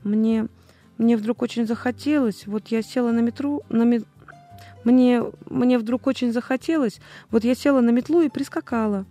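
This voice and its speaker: A woman reading a storybook voices a timid young witch girl with a high, pleading voice. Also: fairly even intonation, normal speed, warm tone, soft background music, natural voice.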